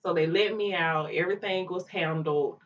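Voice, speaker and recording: A young woman vlogger telling a storytime vlog in an animated way, mimicking other people's voices as she goes. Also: lowish voice, normal speed. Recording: distant mic, dull lo-fi sound.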